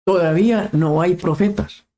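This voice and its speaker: A man's voice: sits high, moderate pace, dark tone. A man preaching a sermon, asking questions and repeating phrases for emphasis.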